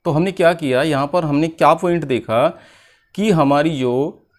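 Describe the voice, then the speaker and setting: A man's voice: a little high, moderate pace. A man teaching children to spell, asking a question and then answering it himself.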